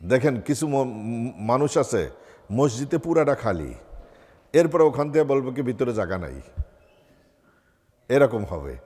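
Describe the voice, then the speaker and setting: A man's voice: mid-range voice, big pitch swings, unhurried, warm tone, in a large hall. A man giving a sermon as a mufti in a mosque, asking his listeners rhetorical questions and reciting Arabic before explaining it. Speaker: mufti preaching. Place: mosque hall.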